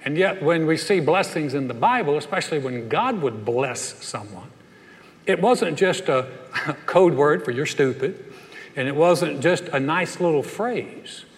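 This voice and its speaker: A man's voice: on the high side, animated, measured pace. A man preaching a live church sermon, telling humorous anecdotes with frequent restarts. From Southern US, raised in North Carolina. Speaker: pastor. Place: church sanctuary, live service. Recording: long church hall reverb.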